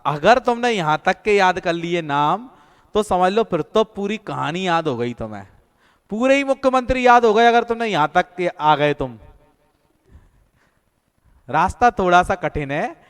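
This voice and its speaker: A man teaches an online exam-prep class. He drills names through little stories and repetition. His voice is smooth and slightly high, with a long echo from the room. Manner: storytelling, repetitive memory drills. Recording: echoey room with long reverb.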